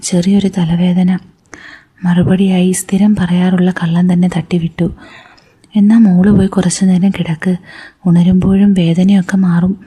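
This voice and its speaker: Woman, whispered story narration, breathy hush, flat steady delivery. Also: on the low side. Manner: soft, steady reading.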